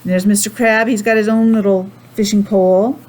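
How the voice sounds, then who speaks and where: A woman teacher reads a picture book to young children at a slightly quick pace, her voice mid-range. She's animated, chatting along and asking the kids simple questions, and the recording is rough.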